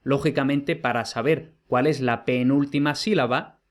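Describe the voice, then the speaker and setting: A man, teaching a Latin lesson in a clear, methodical way and posing questions to the viewer. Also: mid-range voice, moderate pace. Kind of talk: explanatory online lesson.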